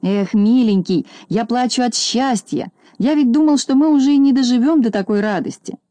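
A woman plays a small village man from a storybook, crying and overjoyed. The voice wavers higher than her own, with a mellow tone, recorded close and dry. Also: moderate pace, dry recording, natural voice. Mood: tearful.

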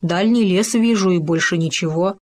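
A small, eager storybook hamster, always quick to answer back, as a woman plays him. Bright curiosity in a slightly low voice. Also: lightly acted. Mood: curious.

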